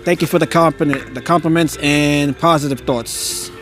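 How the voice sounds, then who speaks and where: Filmed on a phone mounted on a handheld gimbal, this live-stream host walks a nighttime neighborhood street to show off holiday lights. His slightly high, a bit bright voice holds a steady tone at a moderate pace over faint music. The narration is casual and awed, with frequent chuckles and the occasional stammer.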